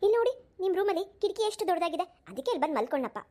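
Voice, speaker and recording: A woman's voice: very high-pitched, very animated, rapid-fire, warm tone. A woman voicing a playful, mischievous young woman in a cartoon, speaking in a teasing, innocent-sounding way. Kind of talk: cartoon voice acting.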